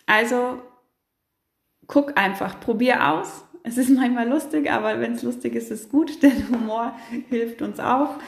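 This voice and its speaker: A woman hosting a parenting podcast, giving casual advice in a lively way with many fillers and acted-out angry outbursts. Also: on the high side, unhurried, roomy sound. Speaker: podcast host, parenting coach.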